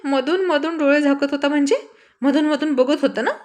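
A woman voicing a quick-tempered young woman who scolds and demands the truth in a spoken storybook. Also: a little high, lightly acted. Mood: indignant. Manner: indignant, scolding.

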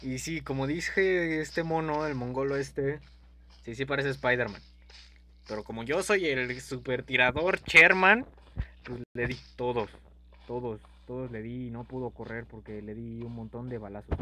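A young man giving playful, goofy let's-play commentary, breaking into sudden yells and silly meowing. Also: medium pitch, unhurried, a little hiss or hum. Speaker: gaming youtuber.

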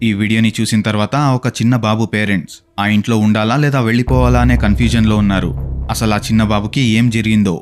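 A man reading scripted narration for a ghost video compilation, in brisk, steady storytelling that now and then asks the viewers questions. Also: lowish voice, slight background noise.

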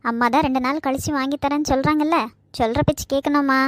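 Woman voicing a gentle cartoon grandmother. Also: sits high, steady tone, fast, no room sound, lightly acted. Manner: soothing, coaxing.

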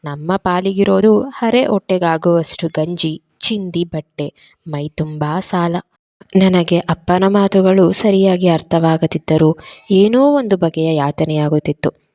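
Woman storyteller, steady measured reading, dark tone, dry. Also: on the low side, dry recording, highs cut off.

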